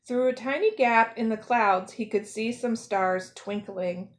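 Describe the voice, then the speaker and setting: Slow, careful and expressive, a woman with a slightly high voice reads a children's picture book aloud. She is a zoo educator acting as storyteller, shaping each phrase for young listeners.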